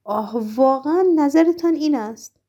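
A woman's voice: mid-range voice, sing-song, dark tone. A woman voicing a sly, boastful male talking cat in a storybook reading, playful and mock-humble.

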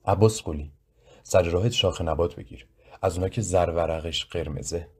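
A man voicing a kind, doting older mother in a narrated story, with a husky voice. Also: deep voice. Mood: fond. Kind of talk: audiobook character voice.

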